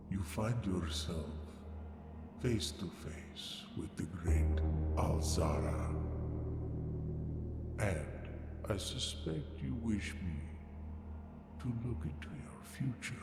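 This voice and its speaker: Creaky, very low ominous fortune teller. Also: male voice, full character voice. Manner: fortune teller, theatrical and portentous. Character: ominous male mechanical fortune-telling oracle, grandly mysterious. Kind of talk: scripted game character monologue. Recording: echoey, loud music underneath.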